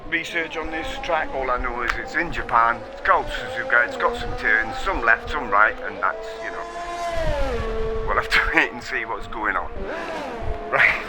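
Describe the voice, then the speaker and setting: A man's voice: medium pitch, normal speed. A man doing casual live-stream commentary on an online racing league, swearing a lot, laughing often and rambling. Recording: music playing behind the voice.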